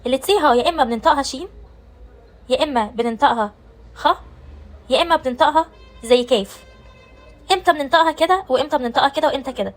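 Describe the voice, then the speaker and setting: A woman with an Egyptian Arabic accent teaches German pronunciation step by step, answering her own questions as she goes. Her voice is high-pitched and very fast, and the recording quality is low.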